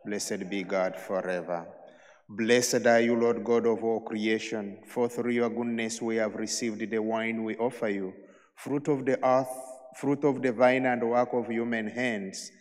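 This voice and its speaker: A man, a priest, intoning the prayers of Mass in a solemn, measured way, with a cathedral echo around his voice. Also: lowish voice, fairly even intonation. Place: large church. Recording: long church reverb.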